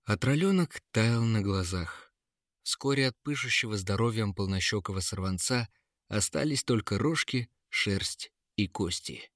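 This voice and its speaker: A man narrating a fairy tale in a dramatic, measured way, close to the mic. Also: fairly low pitch, animated, no room sound. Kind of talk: storybook narration.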